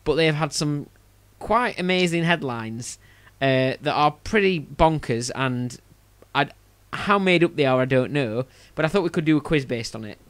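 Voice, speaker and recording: A man's voice: a little high, normal speed, a bit bright, no room sound. Yorkshire man hosting a chatty podcast. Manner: chatty, rambling with restarts. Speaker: podcast host. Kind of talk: casual podcast chat.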